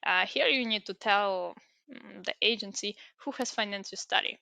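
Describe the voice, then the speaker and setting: A young woman whose native language is Ukrainian presents a tutorial, talking through an online application one step at a time with frequent hesitations and plenty of fillers. She speaks at a normal speed with medium pitch, vocal fry, and a pushed, bright sound. It's a dry screen recording of the application walkthrough.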